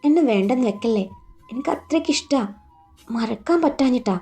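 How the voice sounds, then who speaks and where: A woman's voice: a little high, lively intonation, a little fast, warm tone, faint music behind. A woman voicing a lovesick young woman who pleads hesitantly, faltering over her words, in a read-aloud romance story. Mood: pleading.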